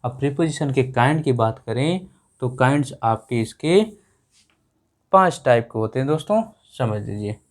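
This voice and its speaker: A man's voice: mid-range voice, lively intonation, normal speed. A male explaining grammar in a classroom lesson, repeating each point back as a question to his students. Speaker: English teacher.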